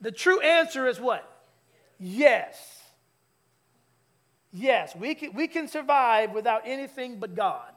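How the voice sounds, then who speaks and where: A man's voice: very high-pitched, slow pace, pauses often. A man preaching a conversational sermon in church, teasing the congregation and calling for their replies. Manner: lively, teasing, calls for audience replies. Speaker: pastor. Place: church sanctuary.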